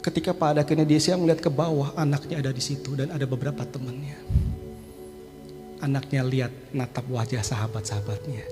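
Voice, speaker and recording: A man's voice: mid-range voice, steady tone, fairly quick, big-room sound, over music. A male pastor delivering a sermon, telling a story dramatically and dropping in English phrases.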